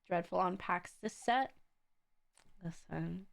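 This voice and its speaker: A woman livestream host chatting casually with viewers in a playful, campy, slangy and very expressive way. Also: on the low side, slow pace, creaky. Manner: expressive, exclaiming and drawing out words. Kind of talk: casual livestream chat while opening card packs.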